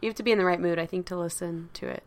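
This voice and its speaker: A woman co-hosting a podcast in casual chat, relaxed, teasing and blunt about her opinions. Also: lowish voice, very fast, crowd noise. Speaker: podcast co-host.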